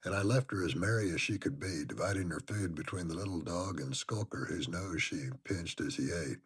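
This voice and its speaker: A man giving an expressive first-person dramatic reading of a classic novel. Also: sits low, a little fast, slightly rough. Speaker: audiobook reader.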